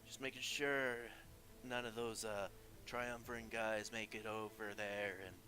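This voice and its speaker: A man's voice: fairly low pitch, flat delivery, a little slow, sharp tone. Man doing a laid-back stoner guitar dude. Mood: mellow. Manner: drawling stoner voice.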